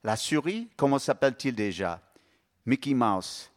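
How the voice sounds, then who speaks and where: A man's voice: mid-range voice, lively intonation, a little slow, close to an everyday voice. A man voicing a sardonic older father who mocks with sarcastic questions. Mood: mocking. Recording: reverberant hall.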